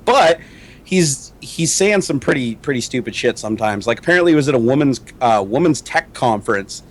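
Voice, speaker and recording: A man co-hosting a casual tech show, talking in a loose, joking way with casual swearing, his mic clipping and distorting from the gain being set too high. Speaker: co-host. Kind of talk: casual tech podcast chat.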